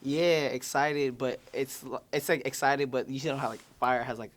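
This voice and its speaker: A man's voice: mid-range voice, fairly even intonation, moderate pace. A man, answering interview questions in a loose, rambling way, full of "like" and "you know". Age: 20s. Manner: loose and rambling, heavy use of "like". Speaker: featured artist. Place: studio or room.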